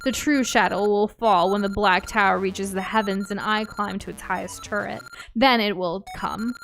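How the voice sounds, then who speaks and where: A woman voicing a scheming video game sorceress villain, reading her lines with slow, theatrical, gloating menace. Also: mid-range voice, steady tone, gravelly, fairly bright tone, soft background music, rough recording. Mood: sinister triumph. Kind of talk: reading video game dialogue aloud in character.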